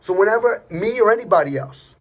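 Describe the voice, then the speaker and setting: A man's voice: high-pitched, animated, fairly quick, breathy edge. A middle-aged man giving a blunt, streetwise motivational talk, swearing at times and repeating himself. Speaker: motivational speaker. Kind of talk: motivational monologue to camera.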